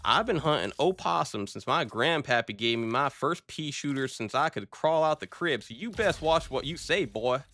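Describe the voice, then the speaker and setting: A man's voice: medium pitch, lively intonation, normal speed, hardly any pauses, sharp tone, pitched above the performer's own voice. A man putting on a swaggering Southern hunter. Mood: boastful. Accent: Southern US, put on. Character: boastful Southern backwoods hunter man, confident, threatening.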